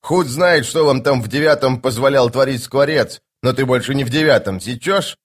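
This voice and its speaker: Grumpy soggy wizard guy voiced by the reader, slow hissy talk, audiobook. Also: a little high, lively intonation. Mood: indignant. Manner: hissing, slow. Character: wet miserable superstitious male mage.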